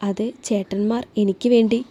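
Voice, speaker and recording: A shy young woman speaks softly, with small hesitations, voiced by the story's woman reader. Her tone is mellow and warm, sitting at an ordinary pitch for a woman. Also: flat delivery, normal speed, highs cut off, lightly acted. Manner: soft, hesitant. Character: shy young woman, soft-spoken office helper.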